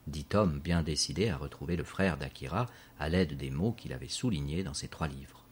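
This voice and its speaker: A man narrating a storybook in a measured, scripted audiobook delivery. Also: rumbling low, breathy edge.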